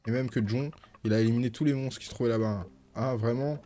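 A man's voice: medium pitch, fairly even intonation, fast talker, dark tone, faint music behind. A man reading game dialogue aloud during a live stream, chatting casually with viewers between lines. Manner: reads game lines in playful put-on voices, chats with viewers. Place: home, with cats nearby.

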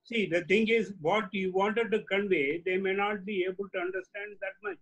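A man, in Tamil, speaks on a video call. He is hesitant, putting his question together in halting pieces. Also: high voice, fairly even intonation, a bit bright, slightly rough, rough recording. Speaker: audience member asking a question.

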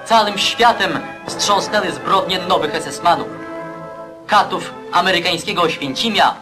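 A man's voice: high voice, moderate pace. A man narrating an old 1950s newsreel in a stern, declamatory voice. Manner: declamatory, stern propaganda delivery. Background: loud music score.

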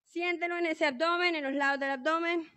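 A woman's voice: extremely high pitch, a little fast. A woman coaching a live online fitboxing class, calling out counts and cheering the students on. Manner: energetic, encouraging, calling out counts and cues. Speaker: fitboxing instructor.

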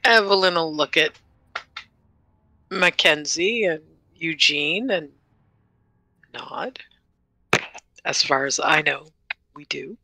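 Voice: medium pitch, slow, long pauses, pushed and bright, dry recording, low-quality recording. A tabletop game player who speaks hesitantly.

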